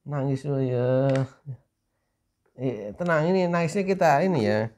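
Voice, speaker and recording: A man's voice: medium pitch, lively intonation, unhurried, darkish tone, slight background noise. A man filming a casual family vlog, teasing his crying daughter in a playful way and laughing often at home.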